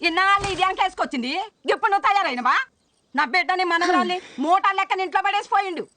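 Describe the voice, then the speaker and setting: A fierce older grandmother rattles off complaints in a piercing, very high voice. She talks fast and bright in a film scene. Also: slight background noise. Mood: scolding. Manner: sharp scolding tirade. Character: scolding grandmother, bitter about her son-in-law. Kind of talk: film dialogue.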